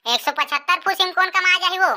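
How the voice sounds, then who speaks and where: A performer voicing a lazy, cheeky young village son with a Chhattisgarhi accent who whines and talks back in a cartoon. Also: male voice, extremely high pitch, fairly quick, music in the background. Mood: grumbling.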